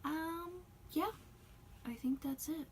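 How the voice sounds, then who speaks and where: This doll hobby vlogger talks slowly in a high-sitting voice that's getting worn out, chatting in a soft, self-conscious, rambling way punctuated by laughs. A slight hiss or hum runs underneath.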